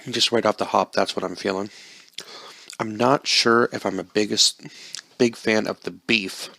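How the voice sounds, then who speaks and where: A man's voice: on the low side, fairly even intonation, normal speed, gravelly, pushed and bright, no room sound. A man casually reviewing a microwave meal, rambling and unsure of himself, talking while he eats. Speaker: food reviewer. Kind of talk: casual food review vlog.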